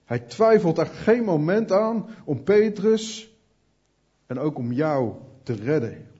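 A man's voice: a little high, animated, slow, mellow, husky, lo-fi sound. A man preaching an earnest sermon, speaking directly to his listeners.

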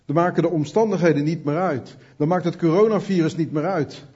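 A man's voice: fairly high pitch, brisk, dark tone, husky, dull audio. A man preaching an earnest sermon, speaking directly to his listeners.

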